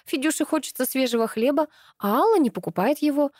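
A woman voicing a lively woman doctor. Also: high-pitched, fast talker, dry recording, clean studio sound, voice pushed up. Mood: eager. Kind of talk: audiobook reading.

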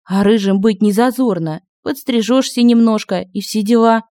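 Man doing a bubbly little girl, high and giggly, dry close audiobook sound. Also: moderate pace, mellow, no echo, lightly acted. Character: cheerful excitable young girl.

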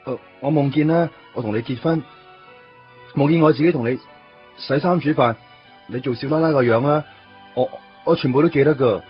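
In a 1990s Hong Kong Cantonese radio drama, an actor voices a supporting character, a timid, earnest young man who stammers over his words. His mid-range voice is close to everyday speech, moving at a moderate pace with long pauses. The recording is dull and lo-fi, with music.

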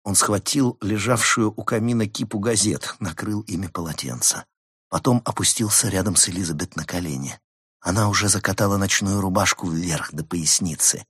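A man reading an audiobook aloud in measured, dramatic scripted narration. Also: deep voice, fairly bright tone, breathy edge, no room sound, studio quality. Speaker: audiobook reader.

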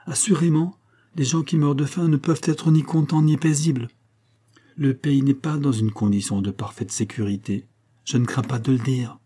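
A man's voice: mid-range voice, moderate pace, husky, voice pushed up, close to an everyday voice. A man reading a proud, earnest working man. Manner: earnest, steady, plain-spoken. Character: proud plain-spoken working man from the north. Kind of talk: audiobook character reading.

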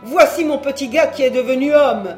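A reader doing a shrill old noblewoman. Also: normal speed, a little mellow, soft background music, close to an everyday voice. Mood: alarmed. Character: alarmed old noblewoman, the mother.

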